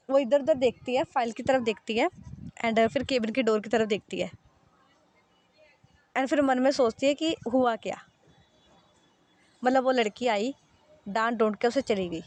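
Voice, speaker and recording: A woman's voice: on the high side, darkish tone, no room sound. A young woman narrating a love story in a casual, chatty way, often stopping to recap. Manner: chatty, recaps with "theek hai" and "matlab".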